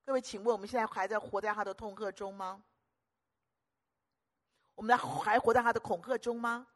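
A woman's voice: mid-range voice, steady tone, normal speed. An older woman preaching a sermon, emphatic, repeating phrases in lists and putting questions to the audience.

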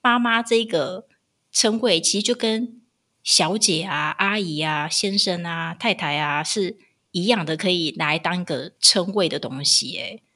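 A woman, co-hosting a podcast in casual chat and telling animated stories. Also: fairly low pitch, unhurried. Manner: animated storytelling, acts out voices with laughs. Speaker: podcast co-host.

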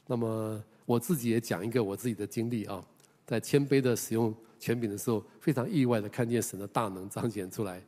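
An older man, a pastor with a Taiwanese Mandarin accent, telling a personal story in a sermon with a conversational manner, many hesitant fillers and drawn-out particles at phrase ends. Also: fairly low pitch, dark tone, long reverb tail.

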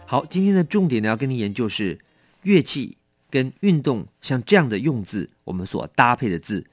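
A man teaching English vocabulary, explaining each word slowly and mixing Chinese with English. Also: medium pitch, very animated, soft background music. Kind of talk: bilingual vocabulary lesson.

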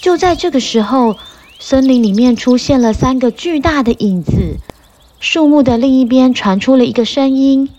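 A woman hosting a children's story show, narrating a storybook in a lively, expressive way. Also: sits high, moderate pace, highs cut off, slight background noise. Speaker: storyteller host.

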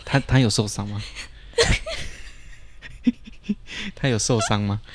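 A man from Taiwan, co-hosting a podcast in casual chat with quick, offhand remarks. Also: lowish voice, fairly even intonation, slight background noise. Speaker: podcast co-host.

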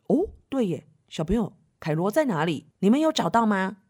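A woman reading a picture book aloud to children in an animated, playful way, asking them questions and making sound effects. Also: medium pitch, normal speed. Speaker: children's storyteller.

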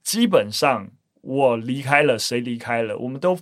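A man's voice: medium pitch, expressive, normal speed, dry recording, studio quality. A man with a Taiwanese accent hosting a casual podcast, chatting away and repeating phrases for emphasis. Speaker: podcast host.

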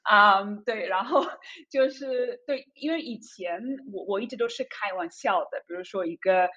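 A woman's voice: medium pitch, normal speed, fairly bright tone, lo-fi sound. A woman in her thirties from Zurich, a German speaker, chats casually as a foreign Mandarin speaker, hesitant and giggly, often repeating words. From Zurich, Switzerland. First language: Swiss German. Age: 30s. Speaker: podcast guest. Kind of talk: casual interview chat in Mandarin as a foreign learner.

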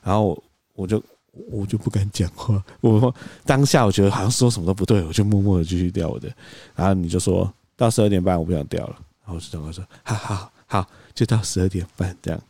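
A man, co-hosting a podcast, telling a story in an animated way and acting out quoted lines. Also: low voice, fast talker, breathy edge, no room sound. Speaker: podcast co-host. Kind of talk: casual storytelling chat.

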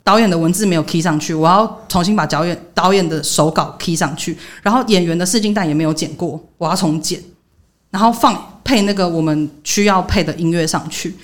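Young woman for casual venting chat. Fast delivery, acts out quotes. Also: lowish voice. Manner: animated storytelling, acting out quoted dialogue. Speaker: podcast co-host.

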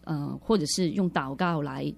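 A woman's voice: deep voice, normal speed, gravelly, darkish tone, soft background music. A woman sharing her personal faith testimony in a radio interview, earnest and reflective, often restarting her words.

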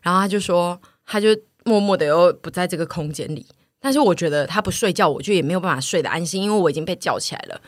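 Fast-talking woman telling a story. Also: lowish voice, no echo, clean studio sound. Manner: animated retelling, acting out both sides of a quarrel. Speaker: podcast co-host. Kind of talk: casual storytelling.

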